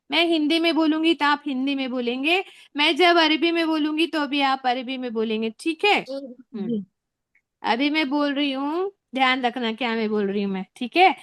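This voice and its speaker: Patient classroom teacher, woman, Indian Hindi-Urdu accent, high pitch, dry recording. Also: normal speed, fairly bright tone, no echo. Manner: patient, repeats questions to students. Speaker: Arabic teacher. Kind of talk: classroom lesson. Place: classroom with students.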